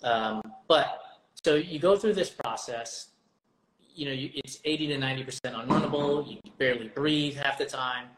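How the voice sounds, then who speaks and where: A man's voice: mid-range voice, moderate pace, fairly bright tone, roomy sound, a little hiss or hum, rough recording. A man hosting a podcast interview, asking long, searching questions and speaking to the audience. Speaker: host.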